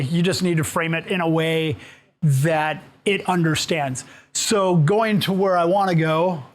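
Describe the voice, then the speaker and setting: A man with a fairly high voice leads a live workshop in a meeting room. He talks casually with plenty of fillers and restarts, often putting questions to the audience as he walks about the room. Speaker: workshop presenter. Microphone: room mic, moves around while talking.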